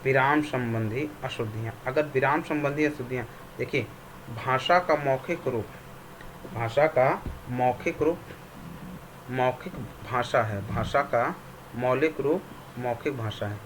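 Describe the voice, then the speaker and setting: A man teaching a Hindi grammar lesson for exam prep. He repeats example sentences slowly and asks and answers his own questions. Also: mid-range voice, a bit bright, a little hiss or hum, poor audio.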